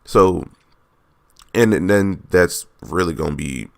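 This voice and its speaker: Young guy doing his own podcast, deep raspy voice, kinda rambly, keeps correcting himself. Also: expressive, slow, no echo, studio quality. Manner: rambling, self-correcting, loose and informal. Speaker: podcast host. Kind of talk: casual solo podcast talk.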